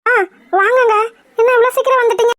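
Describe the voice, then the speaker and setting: A woman's voice: very high-pitched, fairly even intonation, quick pace, fairly bright tone, no echo, clean studio sound. A woman voicing a kind, patient housewife in a cartoon who coaxes and soothes. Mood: wondering. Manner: soothing, coaxing. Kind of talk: cartoon voice acting.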